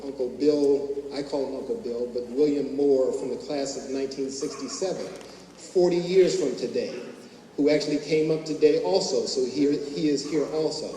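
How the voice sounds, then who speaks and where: Heard from far off in an echoey large hall with a faint hum, a middle-aged male doctor tells stories at a graduation ceremony, poking fun at himself. He speaks in a mid-range voice with a dark tone.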